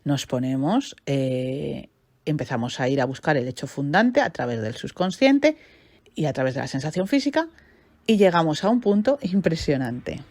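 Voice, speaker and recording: Expressive woman telling a story. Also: sits low, normal speed, dry recording. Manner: animated, expressive, with rhetorical questions. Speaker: podcast host and therapist. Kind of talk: storytelling monologue.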